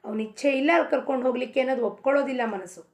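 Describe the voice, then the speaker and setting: A woman gives a spiritual discourse on a devotional hymn. Her voice sits somewhat high. She keeps asking questions and answering them herself, slipping in English phrases as she goes. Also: rapid-fire. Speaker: spiritual speaker.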